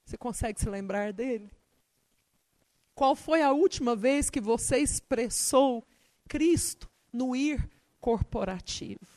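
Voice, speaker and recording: A woman preaching a sermon, telling a personal story in an animated way, her voice rising when she gets excited. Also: fairly high pitch, a little slow, no echo.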